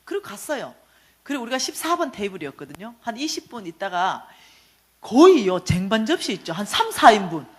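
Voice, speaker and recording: A woman's voice: medium pitch, brisk. A middle-aged woman with a Gyeongsang accent, telling a story in a church lecture and acting out the dialogue. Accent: Gyeongsang Korean. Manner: animated, acts out dialogue.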